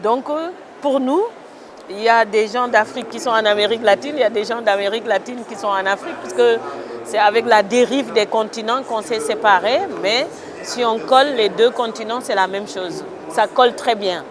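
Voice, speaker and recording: A Senegalese woman, an author, answers interview questions outdoors in a town, thoughtful and hesitant with many fillers. Her voice is a little high and her speed normal. Crowd chatter fills the background.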